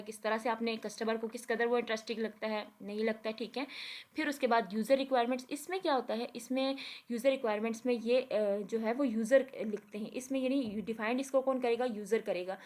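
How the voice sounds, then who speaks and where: A woman giving a recorded lecture over a shared page. She explains step by step, often checking with "theek hai", and reads English lines slowly word by word. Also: fairly high pitch. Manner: explains with repeated "theek hai" and Urdu-leaning words.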